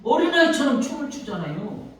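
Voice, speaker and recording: A man's voice: very high-pitched, big pitch swings, brisk, fairly bright tone, slight background noise. A male pastor preaching a Sunday sermon. He acts out pleading prayers and puts questions to the congregation. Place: church sanctuary. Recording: echoey church hall, mic at a distance.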